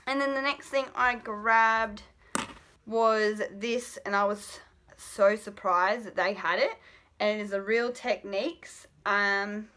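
A woman's voice: mid-range voice, steady tone, slow pace, pushed and bright. An Australian woman in her late twenties chatting casually about a product haul in her bedroom, rambling with lots of ums. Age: late 20s. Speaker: vlogger. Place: bedroom at home. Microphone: built-in camera mic at arm's length.

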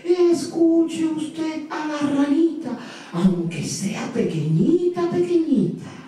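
A storyteller voicing an old, wise tortoise who speaks slowly, low and courteously, in an echoey room heard from a distance. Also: lively intonation, mellow. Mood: advising. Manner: slow, lower, courteous. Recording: echoey live room from far off.

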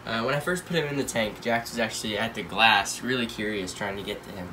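Quick and forceful, with a lowish but bright voice, a stuffy-nosed teen rambles through a casual pet care vlog full of fillers. He films the tanks crowding a room at home on a handheld phone, and a little hiss or hum sits under the audio.

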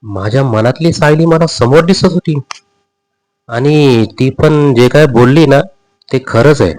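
A man's voice: mid-range voice, darkish tone, no room sound, lightly acted, poor audio. A man voicing a flustered young husband who hesitates, fumbles and repeats himself as he answers his mother. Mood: remorseful.

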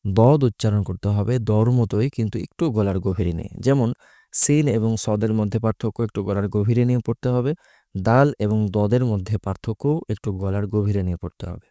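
A man's voice: on the low side, fairly quick, warm tone, dry recording, studio quality. A man teaching Quran recitation, explaining Arabic letters patiently and methodically, repeating each letter's sound.

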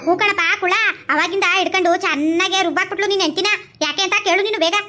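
A woman acting a meddling old village grandmother in a comedy skit, with a Mandya Kannada accent and a shrill, stirring-up manner. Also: pushed and bright. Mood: scheming. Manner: shrill, rapid, egging others on.

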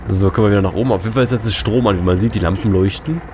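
A man's voice: fairly low pitch, rapid-fire, noisy background. A young man, slightly congested, giving casual, slangy and jittery commentary as a scared horror game streamer. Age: young adult. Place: indoors at a gaming desk. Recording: game music behind the voice. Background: game music and sounds.

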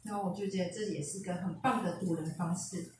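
A woman's voice: fairly low pitch, fairly even intonation, fairly quick, recorded from a distance. A woman telling a personal story at a seminar in a casual way, often slipping into quoted dialogue. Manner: retells conversations, switching into quoted dialogue. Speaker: speaker sharing a personal testimony at a seminar. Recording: echoey hall picked up from afar, faint hiss.

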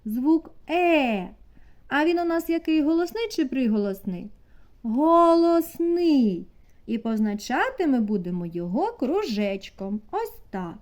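A woman teaching a preschool class, asking the children slow, sing-song questions. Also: fairly high pitch, dark tone. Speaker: kindergarten teacher. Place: kindergarten classroom.

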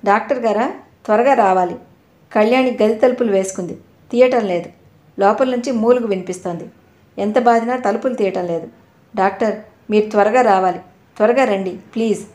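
A woman's voice: medium pitch, normal speed, mellow, lightly acted. Woman reading as a frantic worried father. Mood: frantic pleading. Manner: frantic, pleading. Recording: roomy echo.

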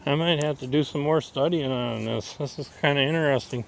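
A man's voice: on the high side, a little fast, creaky, slight background noise. Folksy man thinking aloud outdoors. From Wisconsin. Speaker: vlogger exploring a mound preserve. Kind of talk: casual walking vlog commentary. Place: outdoors in a wooded preserve.

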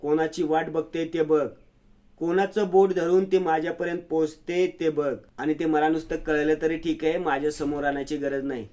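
A man's voice: a little high, little pitch movement, normal speed, a little mellow, close to an everyday voice. A man playing a cold, ruthless woman. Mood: menacing. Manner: clipped, cold and threatening. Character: cold, ruthless older woman, secretive and menacing.

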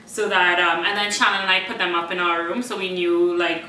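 Hesitant young woman, bright roomy sound. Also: lowish voice, level tone, fairly quick. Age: young adult. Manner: hesitant, many ums and likes. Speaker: university student. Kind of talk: casual chat. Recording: roomy, mic at a distance, faint hiss.

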